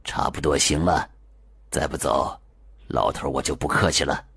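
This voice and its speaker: A man voicing a gruff old male exorcist who talks in curt, scoffing lines. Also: extremely low pitch, moderate pace, fairly bright tone, dry recording, studio quality, exaggerated voice.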